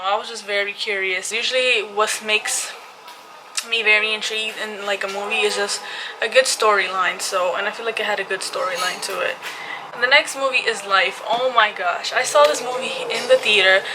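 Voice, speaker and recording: Young woman, chatty vlogger, slightly breathless, eager, steady hiss of background noise. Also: medium pitch. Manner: chatty, enthusiastic, says freaking and like a lot. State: a little out of breath. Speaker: YouTuber. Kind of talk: casual vlog chat.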